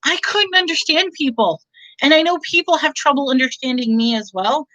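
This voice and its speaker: Talking in a brisk, high-pitched voice with a fairly bright tone, this reseller livestream host chats loosely with her viewers. She is middle-aged, has a New York accent, and tends to ramble and correct herself. The audio is dry and lo-fi.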